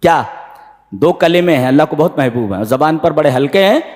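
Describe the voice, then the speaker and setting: A male preacher delivers a sermon, reciting Arabic verses before explaining each one. His voice is lively and swoops widely in pitch. The sound rings with a long reverb, as if in a big hall. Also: a little fast. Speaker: preacher giving Quran commentary.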